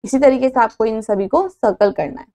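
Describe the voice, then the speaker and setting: A woman's voice: a little high, fairly quick, warm tone. A woman teacher, walking through a phonics lesson and spelling out each word letter by letter before saying it whole. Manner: spells words letter by letter, then says them; mixes Hindi and English explanations.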